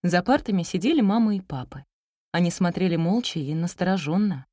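Mellow-voiced woman reading a story. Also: on the low side, dry recording, clean studio sound. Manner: measured, expressive storytelling. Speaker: narrator. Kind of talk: audiobook reading of a children's story.

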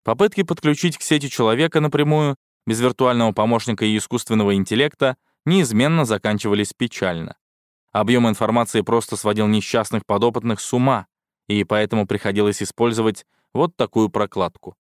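A man's voice: fairly low pitch, a little fast, dry recording, studio quality. A man reading a first-person science fiction audiobook in a wry, sardonic tone. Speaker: audiobook narrator. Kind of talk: scripted first-person sci-fi narration.

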